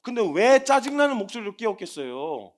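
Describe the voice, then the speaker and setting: Lively, quick-talking male preacher. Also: very high voice, a little hiss or hum. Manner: animated, acts out everyday scenes. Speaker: missionary preacher. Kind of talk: sermon.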